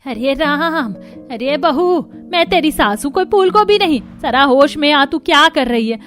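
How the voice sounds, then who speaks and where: A dramatic older mother-in-law in a cartoon story, voiced by a woman, scolding with loud exclamations in a raised, high voice. Soft music runs behind her. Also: lively intonation, a little slow.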